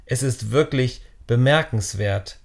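A man voicing a friendly village pastor with a warm, deep voice, speaking politely and calmly in an audiobook. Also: takes it slowly, gravelly.

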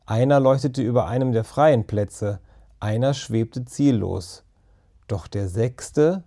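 A man reading a children's story aloud in a calm, even storytelling manner. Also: mid-range voice, takes it slowly. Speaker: narrator. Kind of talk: audiobook narration.

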